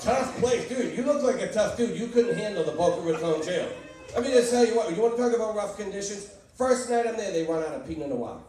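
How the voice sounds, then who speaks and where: A Boston man with a high, lively voice performs stand-up at a brisk clip, firing off brash, punchy stories and trading jabs with the audience. The club recording sounds echoey and distant, with crowd laughter and noise behind him.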